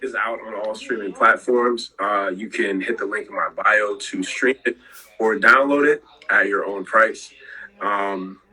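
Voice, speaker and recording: A young man, a rapper guest on a podcast, talking in a relaxed, laid-back way with fillers. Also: fairly low pitch, a little slow, husky, low-quality recording. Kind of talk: casual interview chat.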